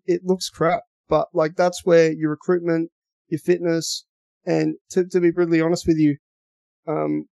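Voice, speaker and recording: A man's voice: on the high side, a little mellow, dry recording. An Australian man, a podcast contributor, giving blunt, rambling football analysis in casual chat, often repeating words.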